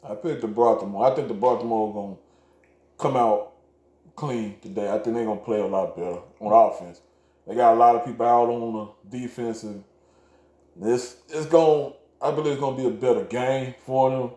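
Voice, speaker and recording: A man's voice: medium pitch, moderate pace, warm tone. A man co-hosting a casual sports chat, easygoing and often laughing at his own picks. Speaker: co-host making game picks. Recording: echoey room.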